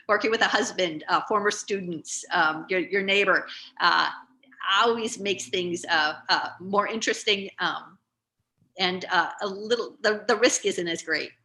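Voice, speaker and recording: Brief: middle-aged woman artist on a video call, bright tone, meandering and hesitant. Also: medium pitch, measured pace. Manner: rambling, hesitant, many fillers. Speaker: guest artist. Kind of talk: online artist talk Q&A.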